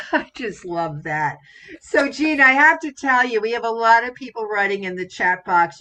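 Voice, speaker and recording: A woman's voice: mid-range voice, a bit bright. A woman hosting a live online interview, effusive and full of praise, speaking over a video call. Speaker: interview host.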